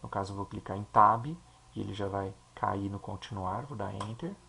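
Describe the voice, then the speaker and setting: A man with a Brazilian Portuguese accent, a teacher explaining a software installation step by step and checking in with his listeners. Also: fairly low pitch, normal speed, gravelly, slight background noise. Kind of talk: screen-recorded software tutorial.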